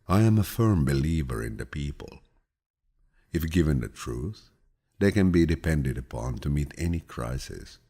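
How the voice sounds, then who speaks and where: This man's audiobook reading of quotations is slow and scripted. His voice is low, deep and husky, and the way he reads is calm, soothing and grandfatherly.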